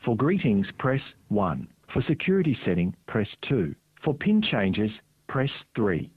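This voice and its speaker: A man's voice: on the low side, big pitch swings, measured pace, breathy edge, no echo. A man's automated voicemail menu voice, heard from a phone held away from the mic, reading options in a stiff, prompt-like way. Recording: tinny phone line from a distance.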